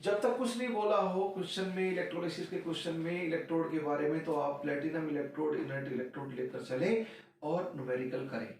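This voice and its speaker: An Indian man teaching a chemistry class, slowly dictating definitions word by word. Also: a little high, darkish tone, a little hiss or hum. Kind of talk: classroom lecture. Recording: very echoey room, voice from far off.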